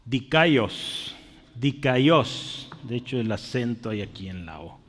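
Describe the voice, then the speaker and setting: A man's voice: mid-range voice, animated, slow, a bit bright, in a large hall. A man preaching a sermon earnestly, calling his listeners brother and asking them questions. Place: church.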